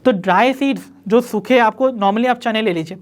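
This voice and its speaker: Woman, biology teacher, exam-prep lecture, slow dictated definitions, frequent check-ins. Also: a little high. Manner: dictates definitions slowly, keeps checking understanding.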